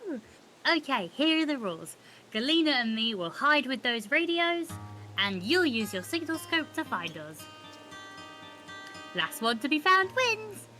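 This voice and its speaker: A bouncy little alien kid, eager and pleading, with a voice pitched well up and swinging through big leaps in tone, as a woman reads it out. Game music plays clearly behind the voice. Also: big pitch swings, measured pace, bright, forceful tone, heavily acted, rough recording.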